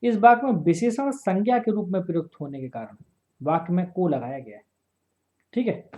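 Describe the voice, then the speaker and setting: A man teaching a grammar lesson for exam prep, slowly repeating phrases and often checking that listeners follow. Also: sits high, animated, dark tone.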